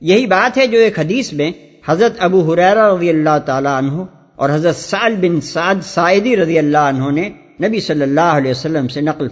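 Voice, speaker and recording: A man reads scripture commentary in a measured, formal delivery. His voice sits a little high. The sound is dull and lo-fi, with a long reverb trailing each phrase. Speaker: commentary reader.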